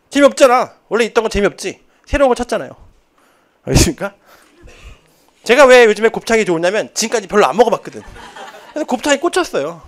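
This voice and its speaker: High-voiced male English test instructor in his thirties, animated and jokey, given to chatty tangents mid-lecture. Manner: joking, chatty, rambling asides. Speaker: TOEIC instructor. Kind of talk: lively classroom lecture. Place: lecture classroom.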